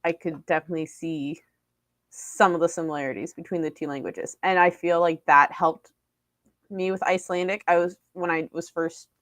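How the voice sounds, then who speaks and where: A young woman vlogs casually from a small indoor room about learning languages, rambling with plenty of fillers and restarts. Her lowish voice is steady and fairly bright at a normal speed, with no echo, captured on a desk mic on a boom arm.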